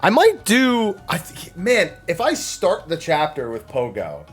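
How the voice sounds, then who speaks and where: A man's voice: fairly high pitch, huge pitch swings, measured pace, slightly rough, soft background music. A man streaming a video game, thinking aloud about his plans, swearing freely and laughing at the game. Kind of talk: casual live game commentary.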